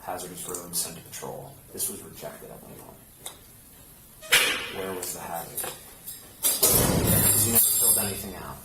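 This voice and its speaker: A man's voice: low-pitched, moderate pace, pauses often. A man working as a police officer, casually walking a colleague through a task step by step and often checking with "right?". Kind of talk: casual hands-on instruction. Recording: roomy, noisy, distant body camera pickup.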